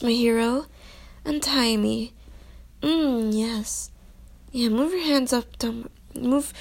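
Woman acting a coy, creaky-voiced young captive princess. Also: a little high, heavily acted. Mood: breathy, swooning. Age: young adult. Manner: breathy, coy, pleading, playful. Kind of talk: intimate audio role-play.

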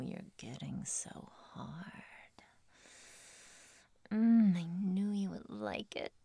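A woman's voice: on the low side, no room sound, exaggerated voice. A woman playing a whispering, menacing stalker. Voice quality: breathy whispering with frequent giggles. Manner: slow, teasing, softly threatening. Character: obsessive menacing female stalker, teasing and controlling. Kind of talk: audio roleplay.

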